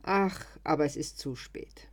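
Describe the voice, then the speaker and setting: A storyteller voicing a clingy, mocking old woman with a croaking voice, in a read-aloud story. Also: mid-range voice, measured pace, close to an everyday voice. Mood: wistful. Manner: sighing, then sneering.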